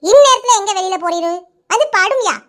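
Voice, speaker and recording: A woman's voice: extremely high pitch, lively intonation, fairly quick, fairly bright tone. A woman voicing a kindly, bossy middle-aged village woman in a cartoon, fussing affectionately, with a Kanyakumari Tamil accent. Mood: homely. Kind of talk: cartoon voice acting.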